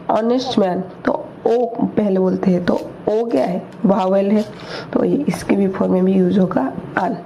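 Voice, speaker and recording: A woman teaching English grammar, explaining slowly and repeating each word, asking questions and answering them herself. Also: mid-range voice, dark tone. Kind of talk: slow explanatory lesson in Hindi. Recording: dull lo-fi recording with faint noise.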